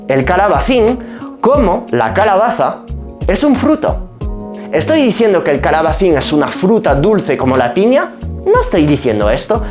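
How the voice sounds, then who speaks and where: A French pharmacist who runs a nutrition YouTube channel explains his diet to the camera in Spanish with a French accent. His voice is high and a little mellow, and he poses questions to himself and then answers them.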